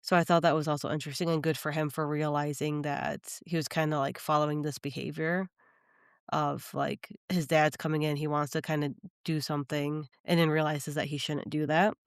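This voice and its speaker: A woman co-host chats in a smooth, clear voice. She recaps the episodes in a lively way and acts out the quoted lines. The sound is dry and close to the mic. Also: sits low, a little fast, no room sound. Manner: chatty, animated retelling with quoted lines. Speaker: podcast co-host. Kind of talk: casual chat recapping reality TV.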